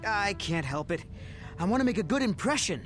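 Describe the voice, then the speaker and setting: A man voicing an eager, nervous young male Jedi trainee in a video game cutscene, talking in excitable, chattery bursts. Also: sits high, brisk, soft background music.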